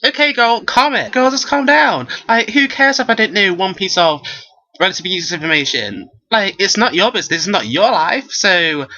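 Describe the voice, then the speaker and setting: A young man, ranting to camera at home in an animated, sassy way. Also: sits high, a little fast, lo-fi sound. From England. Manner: animated and sassy, often says "girl". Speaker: vlogger.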